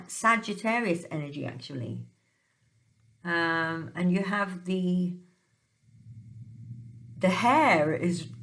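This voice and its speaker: At home with a dog nearby, a woman who reads tarot chats casually about her dreams and what they mean. Her voice is lowish with a fairly bright tone, and her hesitant monologue is full of ums and restarts.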